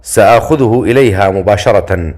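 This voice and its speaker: A man's voice: fairly low pitch, normal speed, darkish tone, close to an everyday voice. A man voicing a young exiled princess, curt and cold, in a storybook reading.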